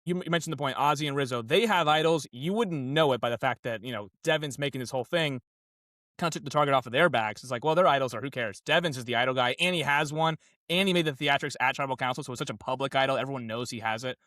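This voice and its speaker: A man co-hosting a casual reality-show recap, talking in an excitable, rambling way with frequent restarts. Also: medium pitch, fast talker, no room sound, studio quality. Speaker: podcast co-host.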